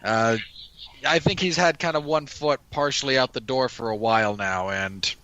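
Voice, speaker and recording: A man's voice: mid-range voice, normal speed, pushed and bright, dull audio, a little hiss or hum. A man co-commentating on a boxing show in casual, opinionated sports talk.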